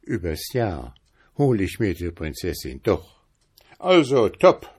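A man voicing a grumpy, boastful male devil in a read-aloud fairy tale, talking in an impatient, shouting way. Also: low voice, sing-song, slow, husky, exaggerated voice. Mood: scheming. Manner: shouting, ill-tempered and impatient.

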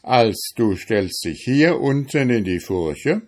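A man's voice: medium pitch, big pitch swings, takes it slowly, a little mellow. A man voicing a crafty, bossy male hedgehog in a fairy tale. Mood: scheming. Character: sly, gruff male hedgehog.

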